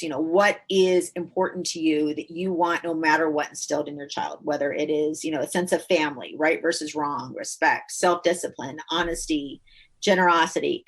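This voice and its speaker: A woman's voice: sits low, normal speed, husky. Chatty mother on a podcast. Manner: chatty, laughs often, many fillers. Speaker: podcast host. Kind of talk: casual conversational podcast.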